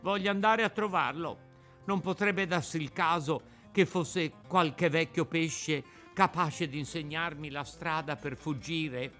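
A man's voice: a little high, unhurried, bright, forceful tone, soft background music, pitched above the performer's own voice. A man voicing a frightened, whiny wooden puppet boy in an audiobook reading. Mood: scared pleading. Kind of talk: audiobook character voice.

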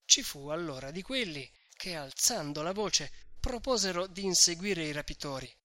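A reader narrating a classic novel in a measured storytelling manner for an audiobook. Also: mid-range voice, expressive, bright, forceful tone, no echo.

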